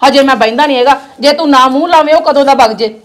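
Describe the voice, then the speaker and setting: A woman's voice: high-pitched, fast, a little hiss or hum, lightly acted. An actress playing a resentful, quarrelsome young wife who nags her husband, with a Punjabi accent. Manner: quarrelsome, nagging.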